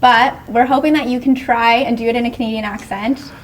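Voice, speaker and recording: A woman with a bright, high voice runs an upbeat backstage interview. She moves through rapid questions with a bubbly manner, recorded at a concert venue before a show. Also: fairly even intonation, low-quality recording.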